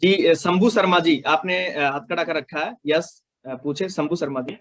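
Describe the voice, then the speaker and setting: A male co-moderator calling on callers, brisk and courteous. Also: fairly high pitch, a bit bright, dry recording, studio quality.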